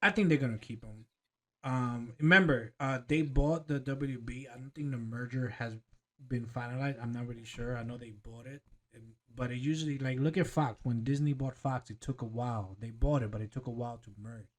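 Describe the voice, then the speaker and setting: A man co-hosting a podcast in casual chat, excitable and quick to laugh, dropping slang like "bro". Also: mid-range voice. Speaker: podcast co-host.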